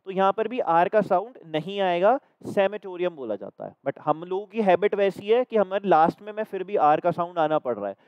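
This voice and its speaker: A man with a Hindi accent explains exam questions to a class, step by step. His voice is high and smooth. The recording is dry and slightly dull. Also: brisk, few pauses, no room sound. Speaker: reasoning teacher.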